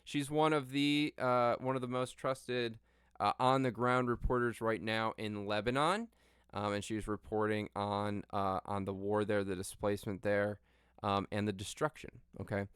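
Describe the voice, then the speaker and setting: A man's voice: fairly low pitch, little pitch movement, moderate pace, fairly bright tone, smooth, no echo, clean studio sound. Tongue-tied man commenting bluntly on the news. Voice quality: slightly tongue-tied diction from a numb tongue and half-numb mouth. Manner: blunt, sweary, emphatic. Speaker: livestream host. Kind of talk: casual news commentary to viewers.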